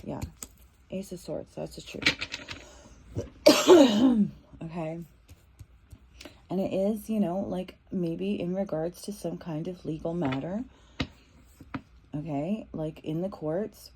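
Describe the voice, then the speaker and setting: A woman's voice: lowish voice, slow pace, pauses often, darkish tone, a little hiss or hum. A woman giving a casual tarot reading, talking in a loose, repetitive way with many fillers and restarts. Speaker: tarot reader.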